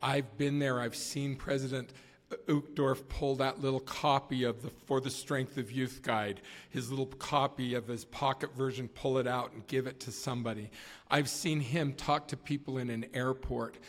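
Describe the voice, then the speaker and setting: A man's voice: medium pitch, normal speed. Storytelling man in a reverberant hall. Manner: lively, acts out quoted voices. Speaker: church leader and panel guest. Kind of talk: warm anecdotal storytelling. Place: conference hall. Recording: long reverb of a large hall.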